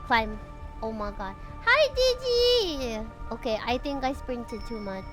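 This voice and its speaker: A young adult woman streamer from the Philippines, with a Filipino English accent, chats casually with viewers as she plays a game, greeting chat and swearing playfully. Her voice is a little high and very animated yet slow-paced, with loud music behind it.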